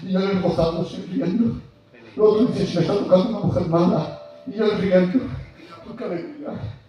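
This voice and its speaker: A man preaches in a fairly high voice, moving from near-shouting to a hush. His voice comes from some distance and rings through a very reverberant church hall. Faint music plays under him. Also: steady tone, moderate pace, dull audio. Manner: impassioned, swinging from loud to soft. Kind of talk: sermon. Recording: very echoey hall from far off.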